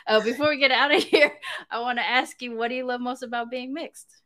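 A woman's voice: a little high, fairly even intonation, brisk, a bit bright. A woman hosting a podcast interview, chatting casually and laughing often. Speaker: podcast host.

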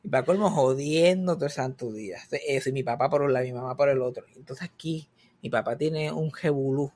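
A man's voice: mid-range voice, a little fast, breathy edge. A man with a Puerto Rican accent telling comic stories in a casual chat, slipping English words into his talk. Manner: animated comic storytelling, mixing in English words.

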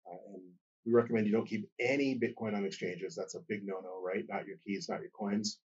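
A man hosting his own podcast in a casual, chatty way, his voice jumping up and down in pitch and loudness, with many fillers. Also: fairly even intonation, a little fast, slightly rough, recorded from a distance, muffled recording. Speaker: podcast host. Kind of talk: casual solo podcast talk.

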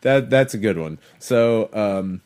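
A man's voice: fairly low pitch, lively intonation, slow pace, darkish tone. A man co-hosting a podcast in casual banter, playfully explaining silly ideas with mock seriousness. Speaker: podcast co-host.

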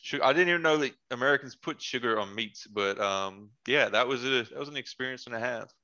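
A young man, a former basketball player, telling stories in a relaxed podcast chat and acting out what his friends said. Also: medium pitch, a little fast, highs cut off. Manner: animated storyteller, quotes friends in their voices, laughs often. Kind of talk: casual podcast chat, storytelling.

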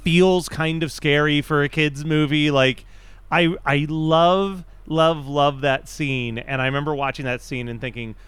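A man co-hosting a casual movie podcast, talking quickly, laughing often and acting out quoted lines. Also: on the high side, fairly even intonation, a bit bright, clear, resonant tone, no echo. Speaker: podcast co-host.

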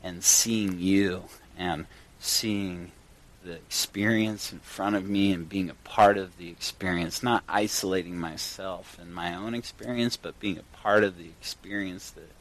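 A man speaking earnestly and enthusiastically to listeners in a personal monologue, with deliberate phrasing, recorded in a garage as a podcast host. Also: low voice, fairly even intonation, poor audio. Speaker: podcast host and yoga teacher. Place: in a garage, recording at a home studio setup.

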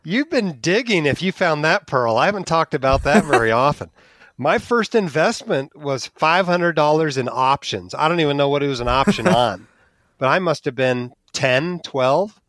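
Chuckling as he talks, an Alaskan doctor who also blogs shares his story frankly and self-deprecatingly while a guest on a podcast, in a casual interview. He sounds expressive at a moderate pace, his fairly bright, slightly high voice captured in a dry recording.

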